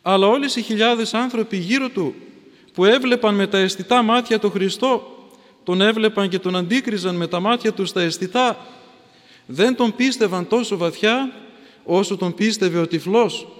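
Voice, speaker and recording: A man preaching a sermon in a church, with insistent, repetitive oratory that builds through refrains. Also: sits high. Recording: long hall reverb.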